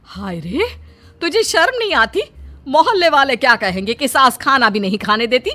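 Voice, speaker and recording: A woman's voice: high-pitched, sing-song, moderate pace, noisy background. A woman voicing a scolding, nosy middle-aged mother-in-law in a cartoon, with nagging outbursts. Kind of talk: Hindi cartoon voice acting.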